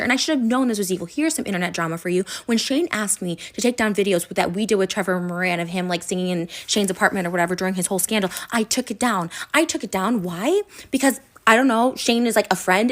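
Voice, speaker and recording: A woman's voice: medium pitch, fairly bright tone. Hurt, indignant woman ranting to camera. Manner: hurt, indignant, repeats phrases with stammered restarts. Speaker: YouTuber. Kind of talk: emotional vlog rant to camera.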